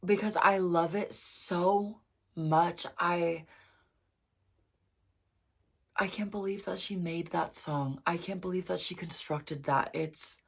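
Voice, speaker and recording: A woman reacting to an album in a casual vlog, emotional and gushing, full of "like" fillers and soft near-whispers. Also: lowish voice, steady tone, a little slow, creaky, breathy edge. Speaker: music reaction vlogger.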